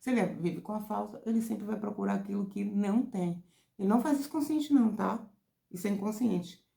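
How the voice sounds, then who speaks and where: A woman therapist from Brazil, explaining character traits in a casual teaching talk, expressive, getting higher and louder when excited. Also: fairly quick, vocal fry. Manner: expressive, rises high and loud when excited. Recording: roomy echo.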